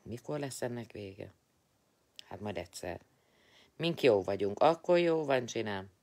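A man's voice: on the low side, expressive, darkish tone. A tired man hosting a casual live stream, chatting, teasing and greeting viewers by name.

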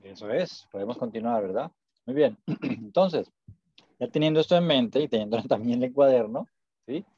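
A man's voice: mid-range voice, warm tone, no room sound, highs cut off. Patient man teaching a Spanish class. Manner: patient, encouraging, repeats words to drill.

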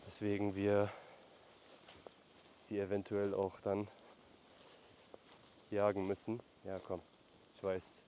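A Lebanese man vlogs outdoors on a rural mountain farm in a low, mellow voice, giving casual narration while herding as both vlogger and shepherd. Between explanations he calls out to his animals, and faint outdoor noise sits in the recording.

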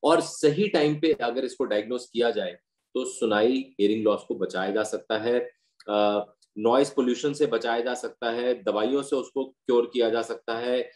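A man speaking as an ENT doctor, walking through symptoms and care advice in an explanatory way. His voice sits at a middle pitch and rings in a roomy, echoey space. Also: moderate pace, a little mellow. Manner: explanatory, patient advice with medical terms. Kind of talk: medical interview answers. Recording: roomy echo.

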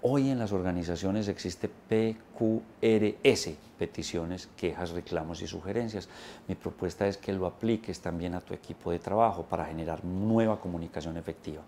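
Low, dark-voiced man coaching on camera. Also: normal speed, a little hiss or hum. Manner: emphatic, gesturing with both hands, listing points. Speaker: business coach. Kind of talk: instructional talk to camera. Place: indoor studio set. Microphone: lapel mic.

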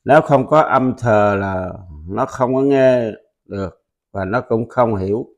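A man whose first language is Vietnamese gives a patient pronunciation lesson at an unhurried, deliberate pace. His voice sits at an ordinary middle pitch. He repeats the example words slowly and loudly. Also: dull audio. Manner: patient, instructive. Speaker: language teacher.

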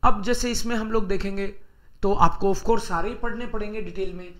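High-voiced man teaching exam strategy. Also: steady tone, pushed and bright. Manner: slow reading of German with quick Hindi asides, thinking aloud. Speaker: German teacher. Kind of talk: exam tips lesson, reading German aloud and explaining.

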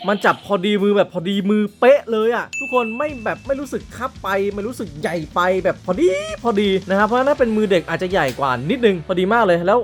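A chatty man hosts a toy review, talking straight to his viewers with a lively, bouncing pitch. He tosses in playful sound effects as he goes, and soft music plays faintly behind him. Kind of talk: casual toy review vlog.

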